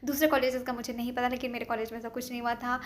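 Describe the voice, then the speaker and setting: Young woman, high voice, rapid chatty storytelling, faint room ambience. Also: slight background noise. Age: young adult. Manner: animated, quotes others in lively acted voices. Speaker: medical student. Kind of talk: casual storytelling vlog.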